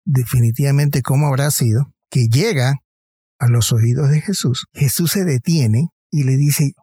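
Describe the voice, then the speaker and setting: Man, preacher, Bible reflection, mellow dark voice, dry close sound. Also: mid-range voice, unhurried, husky, no echo. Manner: explanatory, retells the story vividly.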